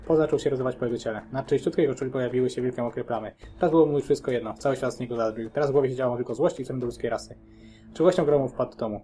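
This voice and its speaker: A man narrating a dark story in a quick reading voice. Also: mid-range voice. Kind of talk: scripted narration of a horror story. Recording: faint guitar music behind.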